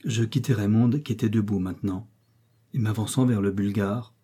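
Man reading an old novel aloud, calm measured pace, dark mellow voice. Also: lowish voice, slightly rough. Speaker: audiobook reader. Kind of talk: first-person novel narration.

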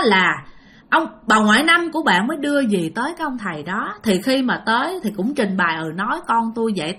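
A woman with a Southern Vietnamese accent telling a ghost story casually, chatting straight to her listeners. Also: a little high. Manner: animated, addresses listeners directly.

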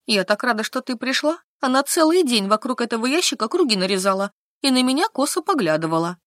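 A woman's voice: fairly high pitch, big pitch swings, quick pace, fairly bright tone, no echo, studio quality. A woman reading an audiobook, voicing a timid, slightly haughty young woman.

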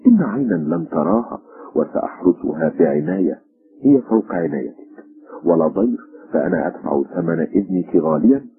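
An earnest young art student who pleads gently and eagerly, as a male narrator plays him. The voice is deep and very husky, heard through a dull lo-fi old radio recording. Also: animated, a little fast, exaggerated voice. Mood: pleading.

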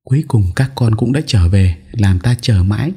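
A man's voice: fairly low pitch, normal speed, warm tone, slightly rough, pitched above the performer's own voice. A man playing a fretful elder first wife. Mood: chiding. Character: elder first wife, older woman of the house.

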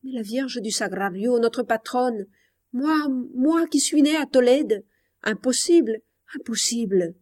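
Woman reader as tormented jealous young woman; passionate, mellow, storybook reading. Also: a little high, animated, measured pace. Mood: despairing. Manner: passionate, anguished. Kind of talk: audiobook reading.

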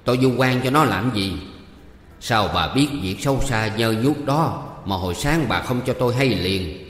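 An older village husband speaking low and hushed, trying to calm his wife, as a man voices him. The room is echoey, with a long reverb trailing his words. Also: normal speed, close to an everyday voice. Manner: hushed, soothing then stern. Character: older village husband, calming, quietly stern.

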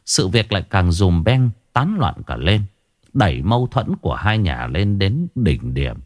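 A man's voice: low-pitched, very animated, measured pace, no room sound, clean studio sound. Dramatic man telling a ghost story. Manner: dramatic storytelling, acts out every voice. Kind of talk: scripted horror story narration. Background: faint music.

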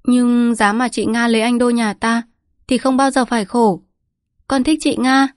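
Young village girl, high and pleading, read by a woman. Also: fairly even intonation, normal speed, dry recording, clean studio sound, close to an everyday voice.

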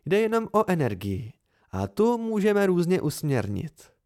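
A man's voice: on the high side, very animated, a little mellow, pitched above the performer's own voice. A man voicing a teasing, playful young woman in an amateur audiobook reading. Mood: explaining. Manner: teasing, lilting.

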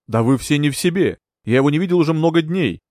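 An indignant young gentleman, acted by a male narrator, protesting his innocence with a lively, rising voice. It is recorded close and dry. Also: a little high, fast talker, dry recording, natural voice. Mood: indignant, pleading. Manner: pleading, indignant. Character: indignant young English gentleman accused of murder.

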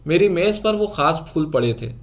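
A man narrating a literary short story aloud in a measured, even storytelling manner. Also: a little high.

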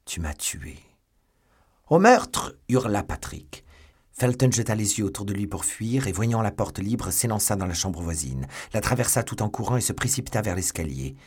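A man's voice: on the low side, brisk, hardly any pauses, a little mellow, slightly rough. A man narrating a classic novel as an audiobook, reading dramatically and voicing every character.

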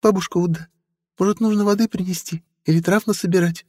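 A man's voice: high-pitched, fairly even intonation, fast talker, a little mellow, dry recording, clean studio sound, long reverb tail, pitched above the performer's own voice. A man voicing an eager young girl in an audiobook, firing off anxious questions. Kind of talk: audiobook character voice.

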